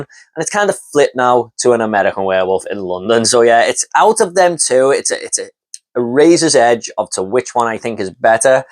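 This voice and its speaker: Male horror vlogger, casual and rambling, average pitch, plenty of "you know" fillers and stumbling restarts. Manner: stutters and repeats words when starting a thought. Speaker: horror movie reviewer. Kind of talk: casual spoken film review.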